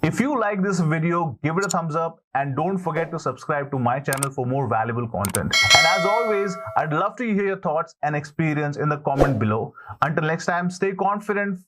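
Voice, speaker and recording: A man presenting scripted motivational advice as a video coach, with an encouraging, earnest manner and deliberate emphasis. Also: a little high, expressive, heavy background noise. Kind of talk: scripted motivational instruction to camera.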